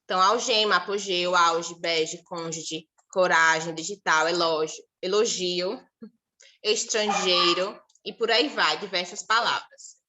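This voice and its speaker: A woman's voice: lowish voice, steady tone, unhurried, bright, forceful tone. A Brazilian Portuguese woman teacher giving a recorded class, explaining patiently and repeating syllables and example words one by one.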